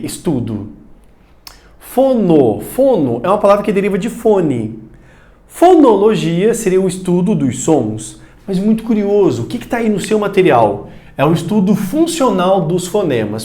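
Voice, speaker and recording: Brazilian male prep teacher, high bouncy voice, casual and chatty. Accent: Brazilian Portuguese. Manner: lively, chatty, plays student questions himself. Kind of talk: recorded video lecture. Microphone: studio recording facing a screen.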